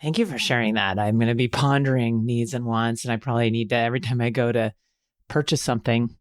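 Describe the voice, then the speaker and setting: A man co-hosting a podcast in a medium-pitched voice. He asks curious questions and jumps in with quick follow-ups. The sound is dry and close, with no room echo. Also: steady tone. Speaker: podcast co-host.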